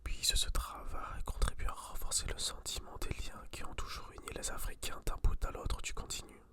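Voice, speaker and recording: A person whispering in a hushed library whisper, chatting casually about books and reading aloud in an intimate ASMR style. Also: brisk. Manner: informal, slangy. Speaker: host reviewing books.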